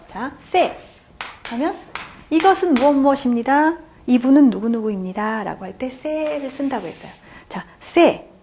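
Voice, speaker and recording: A woman's voice: on the high side, darkish tone, slight background noise. A woman lecturing on grammar, who talks patiently, keeps repeating key points and often checks in with her students. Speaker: French grammar teacher. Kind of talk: classroom lecture.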